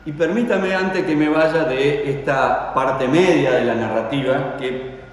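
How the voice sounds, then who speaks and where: A man's voice: a little high, measured pace. A man preaching a sermon, telling the story dramatically and putting rhetorical questions to his congregation. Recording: echoey hall, voice from far off.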